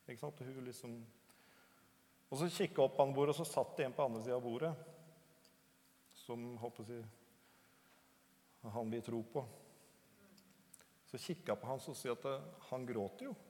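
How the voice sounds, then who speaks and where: Hesitant man preaching in reverberant hall. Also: medium pitch. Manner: hesitant, conversational, many fillers and restarts. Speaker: lay preacher. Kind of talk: informal church talk. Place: church hall.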